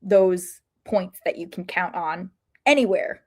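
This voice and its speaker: A woman with a lowish voice speaks slowly as a podcast co-host. She talks through sports analysis in a casual, thoughtful way and often corrects herself mid-sentence.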